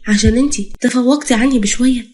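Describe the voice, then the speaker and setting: A woman's voice: mid-range voice, racing, darkish tone, lightly acted. A woman voicing a scheming, spiteful young wife, in an Egyptian accent, with a cold manner.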